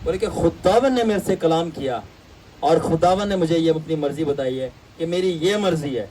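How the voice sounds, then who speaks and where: A man lecturing a Bible class in an animated storytelling way, slipping English phrases in. His voice is fairly high yet mellow and dark in tone. He is picked up from some way off the mic, with faint noise behind. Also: recorded from a distance, poor audio. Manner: animated, acts out voices in anecdotes; mixes English phrases into Urdu. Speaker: pastor teaching a Bible class.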